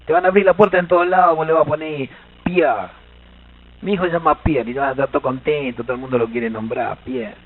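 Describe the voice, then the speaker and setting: A man with an Argentine Spanish accent giving a lively seminar lecture as a Guaraní language teacher, joking and quizzing the audience. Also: fairly high pitch, fast talker, narrow, tinny audio. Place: seminar hall.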